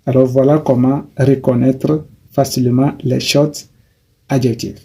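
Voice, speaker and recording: A man teaching a grammar lesson, slowly and haltingly, repeating himself and correcting his as he goes. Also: mid-range voice, level tone, dark tone, husky. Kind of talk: grammar lesson explaining English adjectives.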